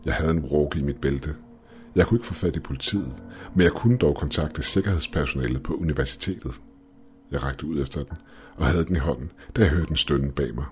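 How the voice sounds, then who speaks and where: A man narrating a first-person horror story in a steady, measured way, with faint music behind. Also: very deep voice.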